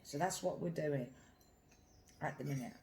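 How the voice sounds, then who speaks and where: Offering casual opinions to camera, a British mukbang vlogger rambles and repeats himself for emphasis at a normal pace. The medium-pitched voice is a little mellow, with some hiss or hum and room echo.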